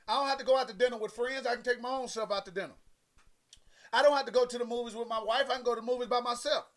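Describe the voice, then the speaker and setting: A man with an unusually high voice delivers a motivational sermon. He hammers his points home through repetition and speaks to his listeners directly. His phrasing is loose and folksy. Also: fairly bright tone. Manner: emphatic, repetitive preaching with direct address to listeners. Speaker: preacher.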